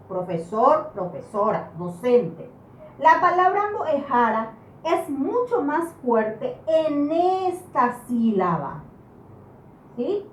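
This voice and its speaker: A woman teaching a grammar lesson, speaking slowly and deliberately and stressing each example word. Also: high-pitched, recorded from a distance. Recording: roomy sound from off-mic with faint background noise.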